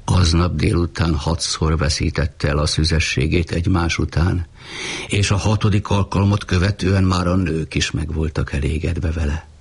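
A man reading a novel aloud as an audiobook narrator, with a measured, rhythmic delivery. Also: sits low, steady tone, gravelly, breathy edge.

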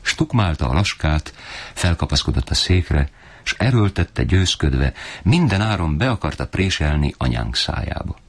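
A man reading a literary story in a measured, solemn narration. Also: rumbling low, vocal fry, husky.

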